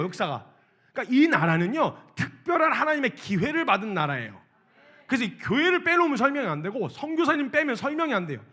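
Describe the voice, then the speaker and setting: A man preaching a sermon to students as a missionary, telling the story with lively acted-out dialogue. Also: high-pitched. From South Korea. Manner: animated storytelling, acts out dialogue with shouts.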